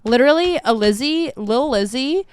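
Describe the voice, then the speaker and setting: A woman chatting as a podcast guest, playful and quick to joke. Her voice sits a little high and sounds smooth and clear. The sound is close and dry. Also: no room sound. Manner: playful, jokey, animated storytelling. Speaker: guest, actor and clown. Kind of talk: casual podcast conversation. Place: podcast studio.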